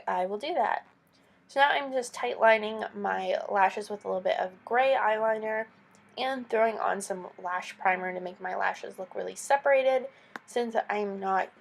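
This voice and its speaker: A young woman with a gravelly, mid-range voice, stuffed up by a cold, voices over her makeup tutorial. The beauty vlogger stays chatty, walking through each step with casual asides.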